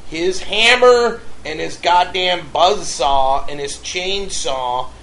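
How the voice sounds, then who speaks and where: A man casually telling a long, profane story and ranting loudly as he acts out shouting matches. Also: high voice, takes it slowly, creaky, poor audio.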